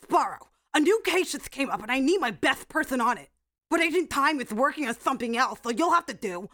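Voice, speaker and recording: A woman voicing a seven-year-old boy police captain who is bossy, goofy and excitable. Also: sits high, brisk.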